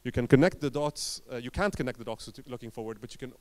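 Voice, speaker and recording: A man from Lebanon, presenting as an entrepreneur at a conference, delivers his story in brief, emphatic phrases with dramatic pauses. His voice is medium-pitched and a little mellow.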